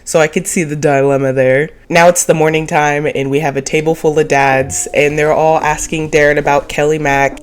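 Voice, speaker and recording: Low voiced lady, super nasal whine from being sick, chatty recap host, music playing under her. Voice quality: nasal, congested, whiny. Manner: chatty, informal, opinionated. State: sick with a cold. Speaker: host of a reality TV recap show. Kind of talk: casual recap commentary. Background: background music.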